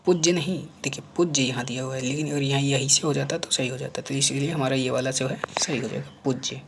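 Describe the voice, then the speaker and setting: A man teaching spelling for a competitive exam, drilling each word by saying it again and again. He asks questions and answers them himself in a patient classroom rhythm. His voice sits at an ordinary middle pitch, with faint background noise in the recording. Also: fairly even intonation, quick pace, vocal fry, a bit bright. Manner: drops to murmurs while writing on screen. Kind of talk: exam-prep spelling lesson.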